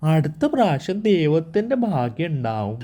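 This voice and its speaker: A man with a Malayali accent playing a lottery seller who gently comforts a crying boy. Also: fairly high pitch, very animated, normal speed, noisy background. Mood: gentle.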